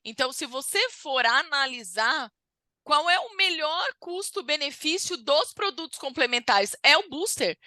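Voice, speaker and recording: A woman weighs in with emphatic, assertive agreement. Her voice is high and bright, and it is recorded close and dry with no room sound. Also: dry recording. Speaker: fellow sales consultant. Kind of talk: casual discussion.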